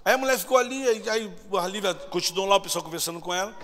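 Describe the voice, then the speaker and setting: A man preaching a lively storytelling sermon, acting out voices and shouting at times. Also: high-pitched, fast. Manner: animated, acts out voices and shouts. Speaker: pastor. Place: church sanctuary. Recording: long church hall reverb.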